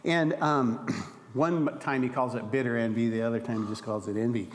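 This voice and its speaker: A man's voice: mid-range voice, steady tone, moderate pace. A man preaching a sermon as pastor in a church, teaching in a conversational way and often checking in with the congregation. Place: church sanctuary. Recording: reverberant church hall.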